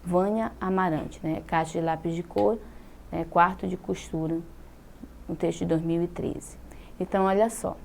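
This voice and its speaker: Brazilian lady teacher, low-ish voice, drags out words slow for kids, keeps checking in, bit of faint hiss. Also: steady tone, creaky, darkish tone. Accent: Brazilian Portuguese. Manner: patient, drawn-out syllables with frequent "tá?" check-ins. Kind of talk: recorded classroom lesson for children.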